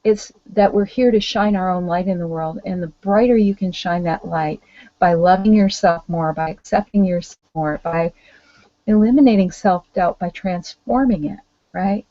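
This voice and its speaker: A woman speaking in a calm, gentle, reassuring way, giving an earnest motivational talk as a spiritual teacher. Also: fairly low pitch, normal speed, dry recording, muffled recording.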